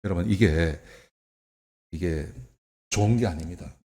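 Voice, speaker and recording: Man, pastor, sermon in church, low voice, asks rhetorical questions, soft then emphatic. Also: measured pace.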